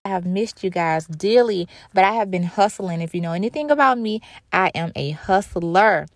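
A woman's voice: mid-range voice, lively intonation, moderate pace, no echo, studio quality. A woman in her thirties hosting her own talk show, speaking candidly and emphatically, often repeating phrases for stress. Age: 30s. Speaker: show host. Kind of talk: casual monologue.

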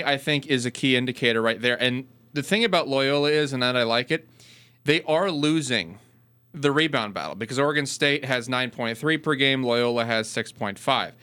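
Guy on a sports podcast going through numbers, keeps going "excuse me" and fixing himself, clear ringing voice. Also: mid-range voice, pushed and bright. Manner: rattles off stats and corrects himself mid-sentence. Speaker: podcast co-host. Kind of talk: casual sports talk.

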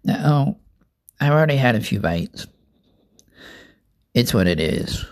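A man's voice: mid-range voice, very animated, takes it slowly. A young man rambling casually through a food review vlog, chatting and eating as he talks. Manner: rambling, chatty, eats while talking. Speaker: vlogger.

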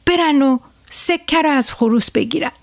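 A woman playing a greedy, angry village landlord who shouts threats in a children's storybook tale. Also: high voice, vocal fry.

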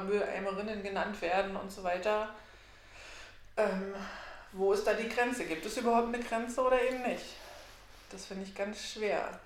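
A woman's voice: mid-range voice, recorded from a distance. A woman in casual, colloquial conversation, musing aloud and posing questions. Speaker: podcast co-host. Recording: echoey room with clear background noise.

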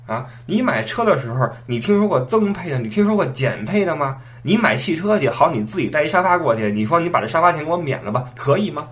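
A man's voice: fairly high pitch, very animated, quick pace, few pauses, fairly bright tone, pitched above the performer's own voice. A man voicing a pushy, impatient male street-food stall boss who haggles brusquely. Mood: lecturing.

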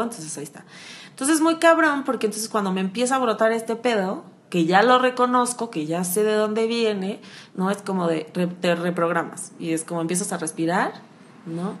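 Frank Mexican woman, slangy chat. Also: mid-range voice. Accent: Mexican Spanish. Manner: frank, slangy, laughs often. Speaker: podcast co-host. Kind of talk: casual chat.

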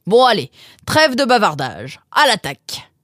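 Man doing a teasing father, jokey, quick, storybook. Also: a little high, lively intonation, no room sound, clean studio sound, close to an everyday voice. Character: joking greedy father.

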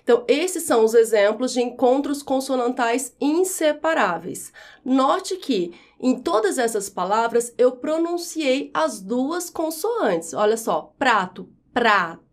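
A woman teaching a grammar lesson in a high, light voice. She explains step by step and says each example word slowly, with careful, clear enunciation. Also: expressive, a little mellow.

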